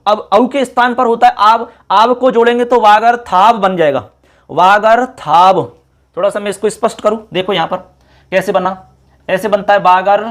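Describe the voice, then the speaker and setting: A male teacher with a fairly high voice works through examples at a board. He speaks patiently, stretches out key words and says them twice, and keeps asking the class whether they have understood. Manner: patient, repeats each example slowly, checks with the class. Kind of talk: classroom lecture.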